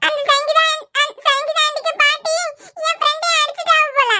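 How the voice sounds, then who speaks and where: A woman's voice: flat delivery, a little fast, heavy background noise. A woman voicing a small worried girl in a cartoon, speaking with a Kanyakumari Tamil accent in a pleading, insistent way. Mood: pleading, tearful. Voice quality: high, bright childlike voice. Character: small tearful girl, worried about her father. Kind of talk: cartoon voice acting.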